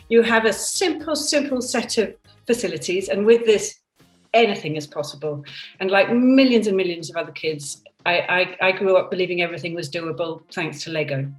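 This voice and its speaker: A woman in her fifties, a product designer from Denmark and England, gives a candid, thoughtful interview over a computer video call from her seaside home. Her voice is medium-pitched, and her reflective answers are full of restarts. The sound is roomy and distant from the mic, with soft music behind her.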